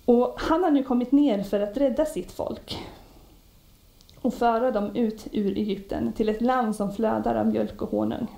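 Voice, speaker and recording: A woman preaching a sermon in a conversational storytelling way, often pausing with hesitations. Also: fairly high pitch, steady tone, gravelly, dark tone. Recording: echoey room.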